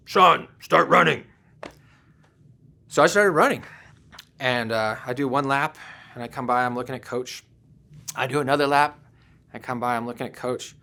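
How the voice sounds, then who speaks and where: Speaking at a virtual conference, a man shares personal stories in a conversational style, peppered with "um" and "you know." His voice has a medium pitch and a slightly bright quality.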